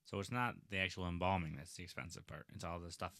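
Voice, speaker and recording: A man's voice: low voice, fairly even intonation, quick pace, a bit bright, no room sound, clean studio sound. A man co-hosting a podcast who asks curious, short follow-up questions in casual talk. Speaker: podcast co-host.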